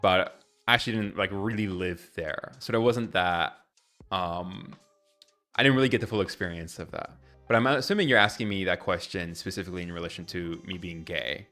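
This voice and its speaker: A man's voice: low voice, a little fast, pushed and bright, faint music behind. A young man from Ecuador chatting candidly on a live stream, rambling and correcting himself as he answers viewers. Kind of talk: casual live-stream chat.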